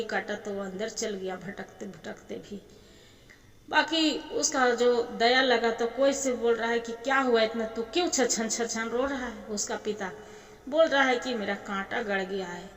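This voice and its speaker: A woman with a Bhojpuri accent telling a sad devotional folk story, emotionally addressing her listeners as sister. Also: on the high side. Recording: echoey reverberant hall.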